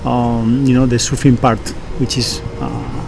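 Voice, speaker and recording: A man with a Basque accent answering interview questions conversationally, with halting, searching phrasing. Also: mid-range voice, big pitch swings, creaky, a little mellow, slight background noise, poor audio. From Basque Country, Spain. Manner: hesitant, halting phrasing with frequent searching pauses. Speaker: professional surfer and engineer, interview guest.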